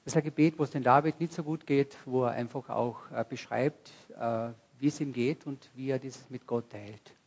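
A man's voice: medium pitch, steady tone, normal speed, vocal fry, few pauses, breathy edge. A man with a middle-range voice preaches a sermon to his congregation in a conversational way, putting questions straight to the listeners. The recording sounds somewhat dull and lo-fi. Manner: rises to loud bursts when quoting cries. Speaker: pastor. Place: church service before a congregation.

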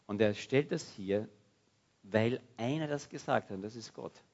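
Guy preaching, chatty and lively, kinda muffled lo-fi sound. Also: on the low side, moderate pace. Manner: lively, conversational preaching with dialect fillers. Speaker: pastor. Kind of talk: sermon.

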